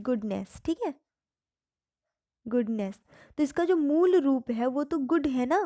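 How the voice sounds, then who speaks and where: A woman's voice: high voice, warm tone, no echo, studio quality. A woman teaching English grammar in Hindi, patiently explaining each term and repeating examples.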